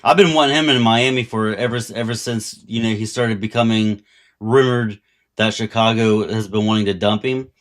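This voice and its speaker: A man's voice: lowish voice, moderate pace. A man co-hosting a casual sports podcast, blunt and teasing, swearing freely as he talks. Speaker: podcast co-host.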